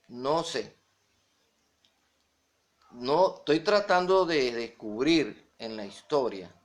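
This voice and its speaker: A man's voice: medium pitch, a bit bright. A man preaching as a pastor, speaking emphatically in a repetitive way and spelling out words letter by letter. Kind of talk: preaching monologue.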